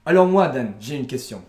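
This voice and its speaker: A man with an English accent plays the mock-posh guest in a comedy sketch, full of sarcastic digs. He is a native English speaker. His fairly high voice moves up and down a lot, and an echoey room rings around him. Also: background noise. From England.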